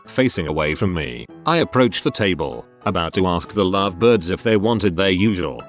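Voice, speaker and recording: Narrator, male, low voice, flat reading of online stories over soft music. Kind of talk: scripted narration. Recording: faint music underneath.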